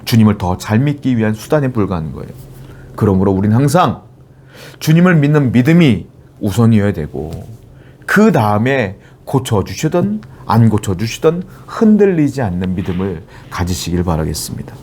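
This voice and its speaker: A man's voice: lowish voice, very animated, normal speed, darkish tone, slight background noise. A middle-aged man preaching a sermon as a pastor, earnest and at times emphatic as he exhorts his congregation.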